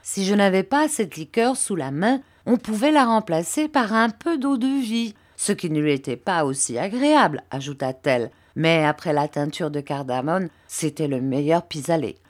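Expressive woman reading an audiobook. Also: lowish voice. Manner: expressive, measured storytelling. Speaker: audiobook narrator. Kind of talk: audiobook narration.

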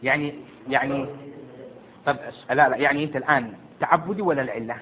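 A man teaching jurisprudence to a class, quizzing and hushing students, often stumbling and repeating words. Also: mid-range voice, quick pace. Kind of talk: interactive classroom lesson. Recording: tinny lo-fi with faint noise.

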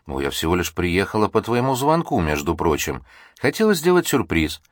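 A man's voice: deep voice, sing-song, moderate pace, no room sound, clean studio sound. A man voicing an eager, emotional young woman in an audiobook, chatty and pleading, easily hurt. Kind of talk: audiobook reading.

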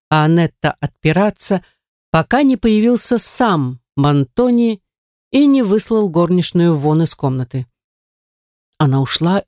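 A woman narrating a classic novel in an even, steady storytelling manner. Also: lowish voice, dry recording, clean studio sound. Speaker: audiobook narrator.

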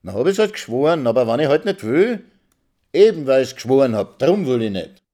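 A man voicing a sharp-tongued young prostitute with a shrill, melodious little voice. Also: sing-song, brisk, natural voice. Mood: defiant. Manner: screeching.

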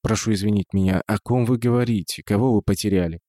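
Cool investigator guy, polite and a bit ironic, dark mellow tone, narrator doing him. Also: on the low side, quick pace, no echo, clean studio sound, close to an everyday voice. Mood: composed. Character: ironic, composed male investigator, middle-aged.

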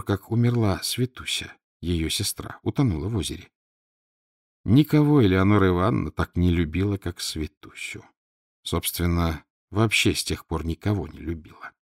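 A man narrating an audiobook in a measured, dryly ironic way. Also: fairly low pitch, no room sound, studio quality. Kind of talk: scripted narration.

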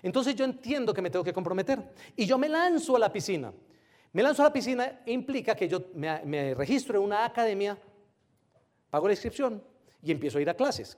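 A man giving an animated motivational talk to a live audience, often firing rhetorical questions at them. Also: sits high, quick pace. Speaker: motivational speaker.

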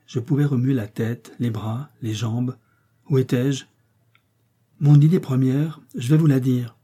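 A man voicing a rough adventurer who has just been dug out alive, telling his story in gasping bursts. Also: medium pitch, dark tone, lightly acted. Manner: breathless, tumbling account in gasps.

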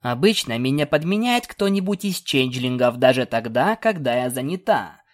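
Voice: mid-range voice, normal speed, close to an everyday voice. A narrator doing a gracious sun princess. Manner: gracious, calm. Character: serene, polite sun princess of ponies. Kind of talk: fan audiobook voicing.

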